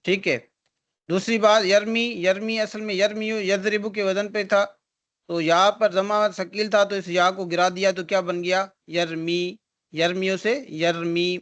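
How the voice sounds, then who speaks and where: A man's voice: high-pitched, little pitch movement, a bit bright. A male teacher giving an online grammar lesson, explaining step by step and answering his own questions. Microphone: video call.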